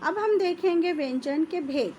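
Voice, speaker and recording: A woman teacher giving a classroom language lesson, speaking slowly and carefully and repeating each sound so pupils can copy it. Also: extremely high pitch, animated, dark tone, highs cut off, a little hiss or hum. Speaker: Hindi teacher.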